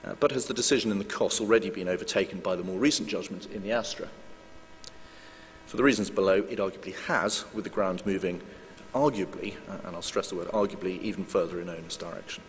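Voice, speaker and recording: A man giving a formal legal presentation at a conference, measured and hedging, with frequent filler sounds. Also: sits low, fairly even intonation. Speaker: lawyer giving a conference talk. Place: conference hall. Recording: long hall reverb with faint hum.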